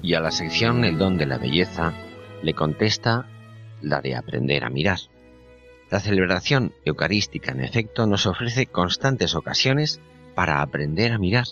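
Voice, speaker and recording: Deep-voiced man reading a solemn reflection. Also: lively intonation, moderate pace, a bit bright, muffled recording, faint music behind. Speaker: radio co-host. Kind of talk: scripted spiritual reflection.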